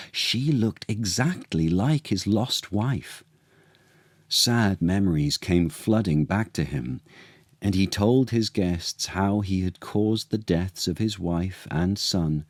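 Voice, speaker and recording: A male actor reads a literary tale aloud as a storyteller for children, his voice low and slow. His narration is expressive, theatrical and unhurried, with dramatic pauses, and the sound has no echo.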